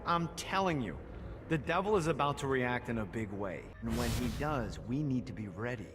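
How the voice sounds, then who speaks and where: A man's voice: mid-range voice, lively intonation, moderate pace, natural voice. A man speaking urgently with a warning tone, in distant game audio over music.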